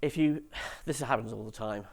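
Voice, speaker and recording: A man's voice: mid-range voice, normal speed, vocal fry. A man giving a conference talk to developers, with dry, sarcastic humour and questions to the audience, on stage in a conference hall. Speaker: conference speaker.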